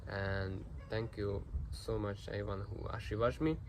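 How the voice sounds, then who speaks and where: This Hungarian-born teen talks in a fairly low, steady voice at a normal pace, musing earnestly about himself in a loose vlog full of fillers and false starts. No proper microphone was used; the built-in device mic leaves the audio noisy.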